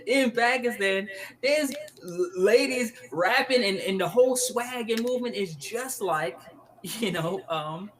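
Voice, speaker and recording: A man co-hosting a live podcast, ranting in an animated way with frequent laughter and many restarts. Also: high voice, measured pace, a crowd in the background, low-quality recording. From United States. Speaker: podcast co-host.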